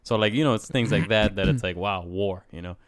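A man's voice: fairly low pitch, brisk, clean tone, dry recording, clean studio sound. A man talking casually and emphatically at length, peppering his speech with bro. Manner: emphatic, talkative, says "bro" often. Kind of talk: casual conversational talk.

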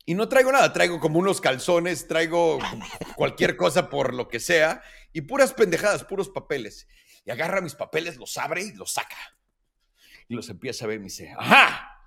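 Animated Mexican man telling a story. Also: on the high side, normal speed, vocal fry. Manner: animated storyteller, acting out quoted voices, swearing freely. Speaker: podcast host. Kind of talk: casual storytelling chat.

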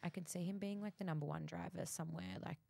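A chatty woman co-hosting a podcast, her voice sitting a little low. She rambles and restarts her thoughts, and the sound is dry and close with no room around it. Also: fairly even intonation, fast, creaky, mellow, breathy edge, no echo. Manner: chatty, laughs often, trails off mid-sentence. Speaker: podcast co-host. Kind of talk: casual chat.

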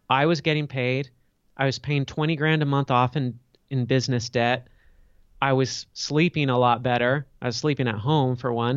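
A man's voice: medium pitch, no room sound, dull audio. Middle-aged male podcast guest; candid, reflective, dry close sound. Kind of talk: candid storytelling interview answers.

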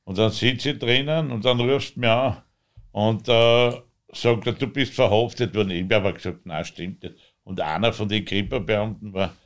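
Low-voiced Austrian man telling stories. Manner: rambling, halting, loose dialect grammar. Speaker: interviewee. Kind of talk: conversational storytelling.

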